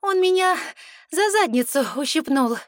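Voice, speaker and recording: A woman voicing a tipsy, excitable young female elf lady who talks in a giddy, childlike way. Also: extremely high pitch, a little slow, no echo, clean studio sound, voice pushed up. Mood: confiding.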